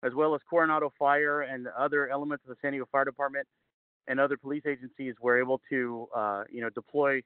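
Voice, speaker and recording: A man's voice: medium pitch, little pitch movement, fast talker, clean tone, no echo. Man muffled behind a face mask. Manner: hesitant, many fillers. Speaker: fire department official commenting at a public meeting. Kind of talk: halting public comment on a call. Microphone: call-in or video call audio. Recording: tinny phone-like line, dry.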